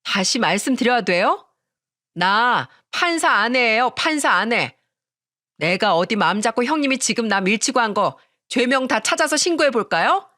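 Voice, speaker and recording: A woman voicing a haughty young wife who mocks her in-laws in a shrill, condescending way for a narrated story. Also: lively intonation, moderate pace, sharp tone, dry recording, studio quality. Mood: sneering. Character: haughty young judge's wife, arrogant sister-in-law.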